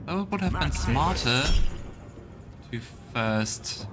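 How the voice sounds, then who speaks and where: A man's animated, medium-pitched voice takes its time as he plays through a game, thinking out loud and reading the text aloud in a casual let's play. Game music sits behind the voice.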